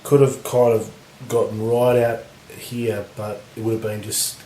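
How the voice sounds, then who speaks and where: A man with a husky voice from recent illness, giving relaxed, rambling commentary on a tabletop battle. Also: lowish voice, measured pace. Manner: relaxed, rambling, lots of fillers. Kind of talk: casual game commentary. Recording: echoey room with faint noise.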